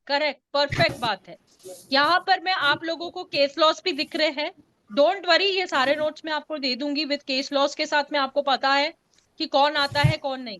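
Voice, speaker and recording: A woman's voice: high-pitched, bright, forceful tone, dry recording. A woman teaching a law class, mixing English terms into her explanations and quizzing her students. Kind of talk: online law lecture.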